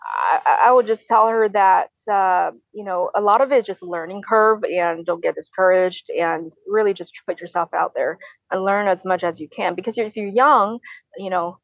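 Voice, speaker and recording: A woman in her twenties, a real estate investor, answers conversationally as a podcast guest, often repeating and rephrasing her words. Her voice is mid-range at a normal speed. The audio is dull, with no room sound.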